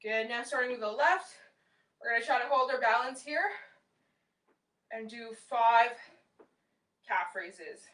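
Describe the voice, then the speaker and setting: Bright, echoey woman fitness instructor. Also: fairly high pitch, measured pace, long pauses. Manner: encouraging, instructional cueing while exercising. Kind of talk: live home workout class instruction, counting reps. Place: small room at home, indoors. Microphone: far camera across the room. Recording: roomy echo, distant camera mic.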